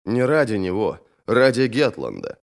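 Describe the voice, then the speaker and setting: A man's voice: on the low side, huge pitch swings, moderate pace, creaky, heavily acted. A man doing a sheepish, earnest young warrior. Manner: hesitant, sheepish. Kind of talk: audiobook character voice.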